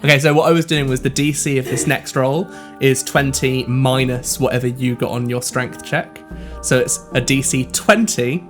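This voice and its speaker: A man narrating as game master of a tabletop game, describing scenes in a measured way with the odd hesitant filler. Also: medium pitch, steady tone, faint music behind.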